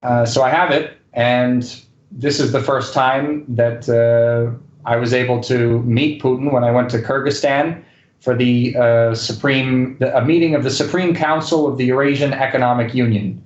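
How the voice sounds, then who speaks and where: A man with medium pitch, fairly even intonation and a moderate pace speaks casually as an interview guest, hesitating and using many fillers. A correspondent and news anchor, he grew up with both English and Spanish as first languages. The recording is dull, lo-fi and roomy.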